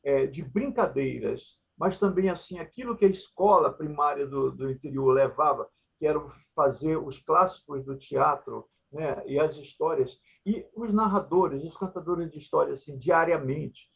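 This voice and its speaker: An older Brazilian man with a Maranhão Portuguese accent, a puppeteer and researcher appearing as a guest, tells his life story in an interview. His blunt, joking, earthy voice is a little high, gravelly and breathy, moving at normal speed with few pauses. The recording sounds dull and lo-fi.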